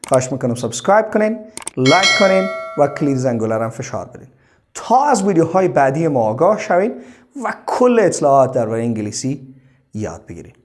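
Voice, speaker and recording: Guy teaching pronunciation, voice swings up and down a lot, says each word slow twice. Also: a little high, a little mellow. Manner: slow, drawn-out model words, repeated for drilling. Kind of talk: bilingual lesson.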